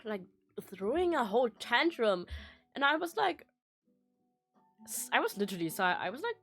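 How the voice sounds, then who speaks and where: A woman's voice: on the high side, big pitch swings, normal speed, a bit bright, faint music behind. A young woman chatting casually as a vlogger, telling a personal story in a meandering way with many fillers, restarts and laughs. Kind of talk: casual rambling chat.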